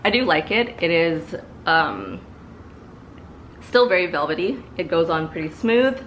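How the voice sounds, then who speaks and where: In a lowish, sing-song, somewhat bright voice at a measured pace, a young beauty vlogger chats through a makeup review, with a little hiss or hum in the audio. She's in her twenties, seated before a couch in her living room, a little stuffy from allergies, and uses many fillers and repeated words.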